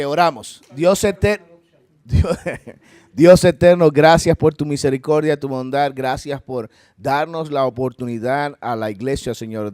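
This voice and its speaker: A Puerto Rican pastor in a church hall offers an earnest, conversational talk sprinkled with asides, ending in prayer. His mid-range, darkish voice comes through dry and clean, like a studio recording.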